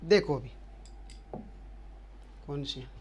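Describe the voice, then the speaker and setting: Slow, high-voiced male language teacher. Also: a little mellow, slight background noise. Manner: drills the listener with repeated questions and answers; patient, explains each letter step by step. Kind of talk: language lesson explaining letters.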